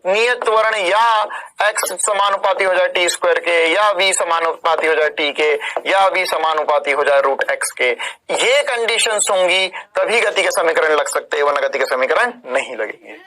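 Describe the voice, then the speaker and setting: A man's voice: sits high, moderate pace, bright, forceful tone, poor audio. A man teaching physics in an online exam-prep lecture, emphatic and informal, checking in with his students by tag question and calling them kids and brother. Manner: emphatic, repeats tag questions, calls students 'beta' and 'bhaiya'; informal joking asides while explaining.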